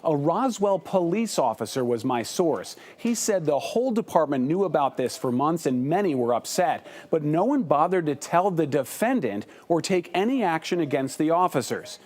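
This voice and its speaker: Higher-pitched male investigative news reporter. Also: big pitch swings, normal speed, hardly any pauses, darkish tone.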